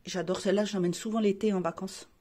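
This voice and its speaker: A woman's voice: mid-range voice, steady tone, fast talker, noisy background. A woman beauty vlogger chatting casually while showing her makeup, rambling with frequent restarts and fillers.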